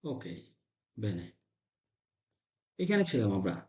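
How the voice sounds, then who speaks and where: A man teaching Italian letter sounds to a class, drilling syllables in slow repeated chants. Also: fairly low pitch, very animated, a little mellow. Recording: echoey room, dull lo-fi sound.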